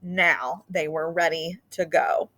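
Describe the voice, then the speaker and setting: A woman with a low voice reads a children's picture book aloud as a storyteller, giving an animated performance and elongating key words. There's a little hiss or hum in the audio.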